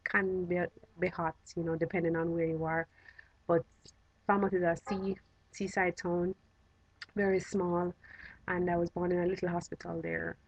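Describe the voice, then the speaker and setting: A woman from Jamaica with a Jamaican accent, chatting casually to camera in a fond, unhurried, reminiscing way. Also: lowish voice, little pitch movement, husky, no echo, lo-fi sound. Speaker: vlogger.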